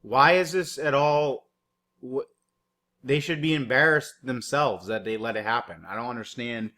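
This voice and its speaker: At medium pitch and normal speed, a man with a sharp tone rambles through a mocking reaction commentary over news clips. His sarcastic talk is profane, full of cursing and heavy on filler words.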